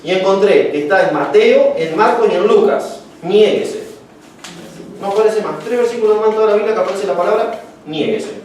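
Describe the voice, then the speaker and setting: High-voiced guy lecturing preachers, jokey and chatty, mic far off in a very echoey room. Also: a little fast, a little mellow, a little hiss or hum. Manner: chatty, joking, acts out anecdotes. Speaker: homiletics teacher. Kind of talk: casual classroom lecture.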